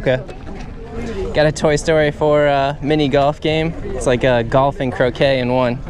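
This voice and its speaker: A man's voice: mid-range voice, flat delivery, normal speed, a crowd in the background. A man vlogging casually about golf clubs while shopping at an outdoor flea market. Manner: upbeat, chatty, haggling with sellers. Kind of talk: casual vlog chat. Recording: outdoor noise behind.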